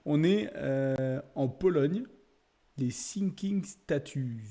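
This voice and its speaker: A young man on YouTube browses a website while giving chatty, laughing screen-share commentary, thinking aloud with lots of fillers. His voice sits on the high side, expressive and very slow, with a warm tone.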